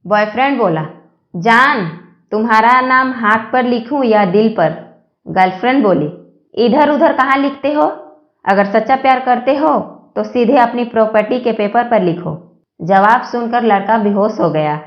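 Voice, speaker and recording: A woman reading a series of short jokes aloud, telling them slowly and evenly with the quoted lines. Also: fairly high pitch, roomy sound, highs cut off. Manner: slow, even joke telling with quoted lines. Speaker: joke narrator.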